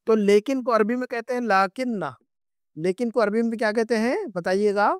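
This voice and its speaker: A man's voice: high-pitched, fairly even intonation, clean tone, dry recording, studio quality. A man, teaching an Arabic class online and patiently repeating points to check his students follow.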